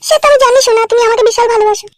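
A woman voicing a coy, doting young wife in a comic cartoon, with a very high, girlish, cooing voice. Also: steady tone, very fast, no echo. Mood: pleading. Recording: background music.

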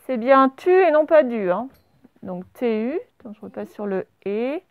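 A woman's voice: on the high side, lively intonation, moderate pace. A woman teaching a primary school dictation, breaking words into syllables and spelling them letter by letter. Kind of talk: classroom dictation lesson. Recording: slightly dull lo-fi recording.

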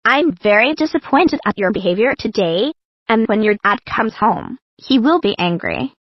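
A female text-to-speech voice playing a stern mother scolding her daughter in an animated video. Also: on the high side, normal speed, no echo, dull audio.

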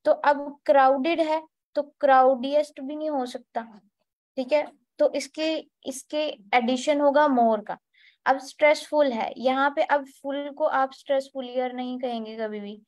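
Woman, high voice, patient step-by-step English tutor on an online class. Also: fairly even intonation, unhurried, darkish tone, highs cut off. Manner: explains step by step, spells out letters, mixes in English terms. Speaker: English teacher.

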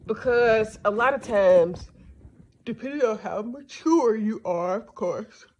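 A woman's voice: a little high, lively intonation, slow, darkish tone, slight background noise. A woman podcast host giving a casual, rambling monologue, blunt and profane, sleepy and yawning.

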